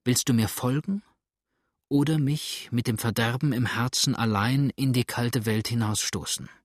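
Desperate fleeing judge, pleading and trembling, husky dry voice, read by a man. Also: medium pitch, normal speed, no echo, lightly acted.

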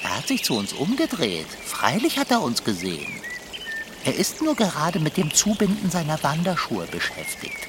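A grumpy, pompous talking tomcat. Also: male voice, on the high side, huge pitch swings, normal speed, noisy background. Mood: grumbling. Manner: whiny and lordly, fussy word choice. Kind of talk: children's radio play. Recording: outdoor nature ambience behind.

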